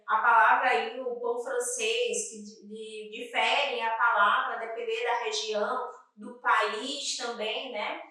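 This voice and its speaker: In a rough recording made from a distance with heavy reverb, a young woman teaches an exam-prep lesson. She comes from Northeast Brazil and speaks with a Northeastern Brazilian Portuguese accent, her voice a little high, bright and forceful. Explaining as she goes, she keeps asking "tá?" after nearly every point.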